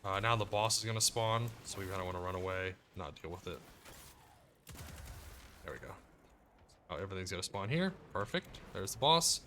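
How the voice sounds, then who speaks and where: A man giving casual commentary as he plays through a video game guide, relaxed and explaining as he goes. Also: low voice, moderate pace, long pauses, slight background noise. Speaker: gaming guide creator. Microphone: desk mic, muted to cough.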